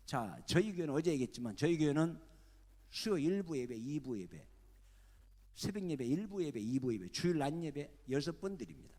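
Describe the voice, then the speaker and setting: An older male pastor preaching in a high, husky voice, swinging widely in pitch as he tells stories. His words ring out with long reverb through a big church hall. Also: moderate pace. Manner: lively storytelling, acting out the people in his stories. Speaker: retired senior pastor. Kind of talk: sermon.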